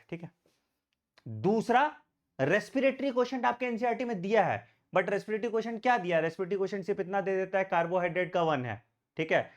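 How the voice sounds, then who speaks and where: A middle-aged man teaching exam biology to camera, addressing students fatherly as "beta" and checking in often. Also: high voice. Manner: fatherly, calls students beta, frequent tag "theek hai". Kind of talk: exam prep lesson to camera.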